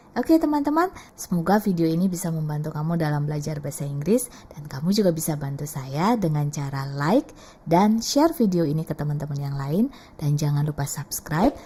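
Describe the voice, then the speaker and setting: A woman's voice: sits low, dark tone, a little hiss or hum. A woman teaching English pronunciation, patiently repeating each word several times. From Indonesia. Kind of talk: explaining lesson, modeling pronunciations.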